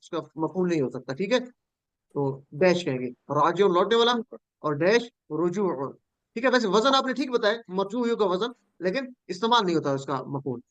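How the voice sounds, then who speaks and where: A man's voice: high voice, expressive, moderate pace, dry recording, lo-fi sound. A man from Pakistan teaching Quranic Arabic in an online class, patiently drilling word forms and calling on students.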